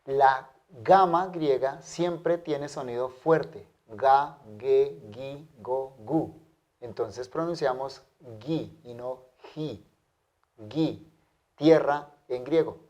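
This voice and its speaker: Guy teaching a language class, real slow and careful, drawing out each word, mellow low-key voice. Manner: careful, drawn-out pronunciation drills. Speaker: Greek teacher. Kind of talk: slow, deliberate language lesson.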